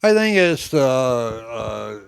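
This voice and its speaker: His medium-pitched voice is gravelly yet clean, swinging widely in pitch as he takes his time, captured in clean studio sound with no echo. He's a gym owner in his eighties rambling through old stories in an interview, quoting people with "I says."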